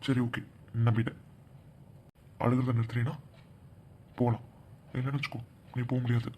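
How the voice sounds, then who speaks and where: A man voicing a young man in a cartoon, gently teasing and persistent. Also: mid-range voice, little pitch movement, normal speed, slight background noise, natural voice. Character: young man leaving for abroad, tender and teasing. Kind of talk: cartoon voice acting.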